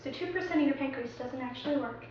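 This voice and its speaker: A chatty young woman explains things in a playful, singsong way. Her voice sits high, and it sounds distant and muffled. Strong echo from the room surrounds it. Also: fast talker, a little mellow. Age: young adult. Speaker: student presenter. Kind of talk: casual student video skit. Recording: echoey room, far from a dull mic.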